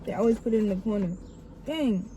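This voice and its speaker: A woman's voice: mid-range voice, fairly quick, dark tone, a little hiss or hum, poor audio. A woman co-hosting a casual food vlog in a car, blunt and slangy. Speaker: vlog co-host. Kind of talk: casual mukbang chat. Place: parked car.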